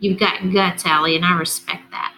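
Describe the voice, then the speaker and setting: A woman's voice: lowish voice, fairly even intonation, normal speed, a little hiss or hum, low-quality recording. A woman reading the part of a confident, friendly schoolgirl who speaks directly. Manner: warm, direct.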